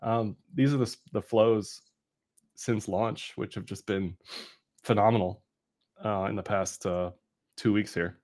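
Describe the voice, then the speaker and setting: A man's voice: on the low side, fairly even intonation, measured pace, long pauses, darkish tone. A man co-hosting a podcast, explaining markets informally and often checking in with a tag question. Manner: informal, explanatory, punctuated with "right?". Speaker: podcast co-host, market analyst. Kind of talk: casual market commentary.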